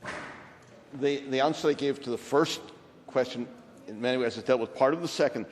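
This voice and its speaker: A man's voice: medium pitch, a little hiss or hum. Northern Irish man in a reverberant hall. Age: older. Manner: deliberate, emphatic, repetitive. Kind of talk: formal spoken answer.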